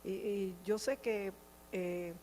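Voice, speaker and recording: A woman's voice: medium pitch, steady tone, takes it slowly, dark tone, slight background noise, low-quality recording. A middle-aged woman with a Puerto Rican accent giving a personal testimony in church, hesitant and full of fillers. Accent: Puerto Rican Spanish.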